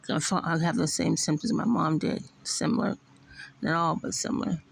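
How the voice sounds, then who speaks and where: A middle-aged woman talking in a casual, rambling vlog monologue, swearing now and then and filling pauses with "you know.". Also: low-pitched, gravelly, husky, low-quality recording. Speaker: vlogger.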